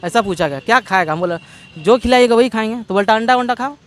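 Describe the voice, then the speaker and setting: High-voiced young man, Jharkhand Hindi. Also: fast. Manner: rambling retelling, quotes others' words, restarts. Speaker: interviewee recounting police custody. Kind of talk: emotional first-person testimony.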